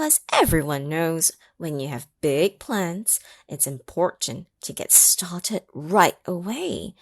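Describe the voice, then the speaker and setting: Reading a story aloud to children, a woman with a breathy voice swings her pitch wildly, animatedly asks her young listeners questions and drops into whispers for effect. There's no room sound.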